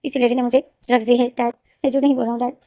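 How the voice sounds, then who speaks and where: A desperate young man begs his father again and again, read out by a woman narrating a story. The voice sits fairly high and sounds mellow. The words come quickly. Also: little pitch movement, no room sound, clean studio sound, natural voice. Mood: pleading. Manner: pleading, repeating "dad".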